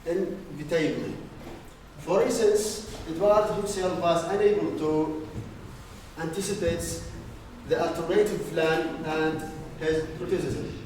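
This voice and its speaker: A man's voice: fairly high pitch, a little slow, darkish tone, far from the mic, a little hiss or hum. Man from Iraq, echoey classroom. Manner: reading from notes with fillers. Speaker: student presenter. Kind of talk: class presentation.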